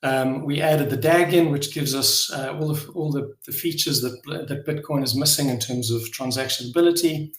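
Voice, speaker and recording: A middle-aged South African man with a mid-range voice speaks informally and without a script as a company founder. He sounds earnest but hesitant, pausing often and repeating words, and the room has an echoey sound.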